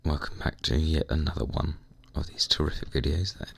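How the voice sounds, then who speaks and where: A young man with a hoarse, croaky voice, chatting casually and rambling while playing a computer game. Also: extremely low pitch, fairly even intonation, brisk. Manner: rambling, chatty, mild swearing. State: hoarse, recovering lost voice. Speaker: gaming vlogger. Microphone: desk microphone at computer.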